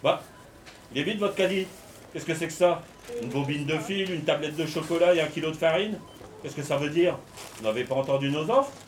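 An actress playing a pushy, nosy supermarket cashier in a radio comedy, badgering and overfamiliar. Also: female voice, deep voice, a little fast, slight background noise, close to an everyday voice. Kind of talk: radio comedy drama acting. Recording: echoey room.

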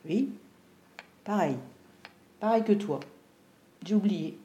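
A woman's voice: mid-range voice, slow pace, warm tone, highs cut off, natural voice. An actress playing an awkward, subdued wife in her sixties in a naturalistic radio drama, making hesitant small talk in a roomy recording. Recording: roomy, noisy covert-style recording.

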